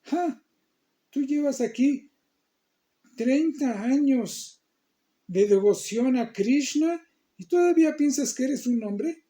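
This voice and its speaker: A man's voice: extremely high pitch, lively intonation, takes it slowly, pauses often, mellow, voice pushed up, full character voice. A man acting a bold, devoted queen who scolds and defies those around her. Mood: defiant. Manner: defiant, scolding.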